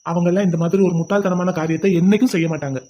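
Woman voicing a stern, fast-talking cartoon husband. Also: fairly low pitch, fairly even intonation, warm tone, dull audio, natural voice. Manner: stern and scolding, lecturing. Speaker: cartoon voice actor. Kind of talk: cartoon voice acting.

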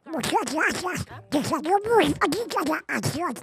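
A man doing a squeaky sweet girl gamer. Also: unhurried, gravelly, music in the background, heavily acted. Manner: sweet and bubbly, shrieks when excited. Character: sweet, chirpy young girl gamer, cheerful and eager. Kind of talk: streaming a shooter game in character.

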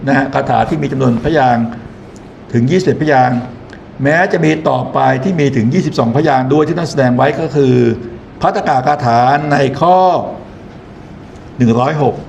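A man's voice: mid-range voice, moderate pace, vocal fry, a little mellow, slight background noise. A man lecturing in an explanatory way, often posing questions to his listeners and then answering them himself. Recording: echoey room, faint ambience.

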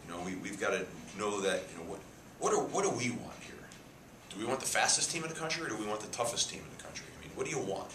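His pitch is fairly low and he talks fast, very animated. The speaker is a head football coach in his fifties at a press conference, emphatic, gesturing, and repeating words, recorded on a table mic cluster in front of a sponsor backdrop. There's echo in the press room and a faint hiss.

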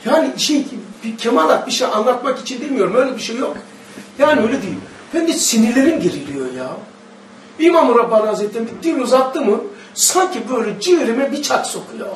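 A high-voiced man with a Turkish accent preaching a religious lesson with impassioned, emphatic bursts. He quotes Arabic verses and questions his audience. The recording is roomy and distant, with faint background noise. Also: sing-song, fast. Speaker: religious teacher. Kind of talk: Quranic study sermon. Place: mosque or study hall. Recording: echoey hall, faint noise, distant mic.

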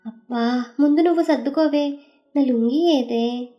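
A woman's voice: high-pitched, measured pace, warm tone, faint music behind. A woman voicing a playful, teasing husband who talks in an easygoing way.

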